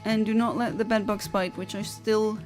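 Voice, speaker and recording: A woman's voice: mid-range voice, fairly even intonation, moderate pace, darkish tone, soft background music. A young woman from Luxembourg, chatting on a livestream headset mic, reading out viewer comments and giggling between rambling asides.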